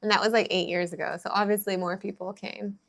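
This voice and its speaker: A woman co-hosting a relaxed chat. She chimes in with blunt, opinionated asides and short agreeing murmurs. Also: medium pitch, fast talker, vocal fry. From California. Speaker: co-host. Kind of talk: casual chat.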